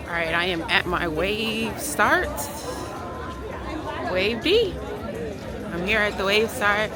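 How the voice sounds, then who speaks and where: A woman's voice: medium pitch, lively intonation, slow pace, loud music behind the voice. A woman chatting casually to camera in a vlog, talking into a handheld phone. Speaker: vlogger, race participant. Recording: noisy outdoor crowd and traffic.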